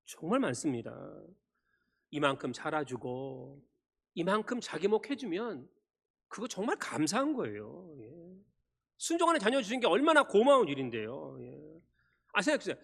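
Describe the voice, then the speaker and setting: A male pastor preaching a Sunday sermon, firing rhetorical questions at the congregation and swinging between loud emphasis and quiet asides. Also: on the high side, big pitch swings, moderate pace, gravelly, slightly rough. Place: church sanctuary. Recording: long church reverb.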